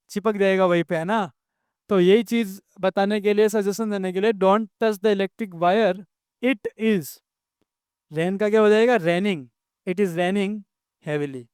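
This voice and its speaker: A man teaching a grammar lesson, explaining step by step, asking questions and answering them himself, and dictating example sentences slowly. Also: sits high, smooth, no room sound, studio quality.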